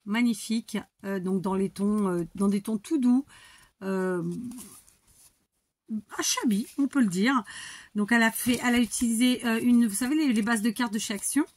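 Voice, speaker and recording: A woman's voice: on the high side, moderate pace, dry recording. Chatty French woman opening mail. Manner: chatty, many restarts and little laughs. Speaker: scrapbooking YouTuber. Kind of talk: casual chat while opening mail.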